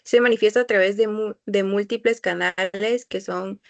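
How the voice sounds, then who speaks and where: A woman's voice: medium pitch, fairly even intonation, normal speed. A woman giving a class presentation, reading steadily from slides and listing terms. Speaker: student presenter.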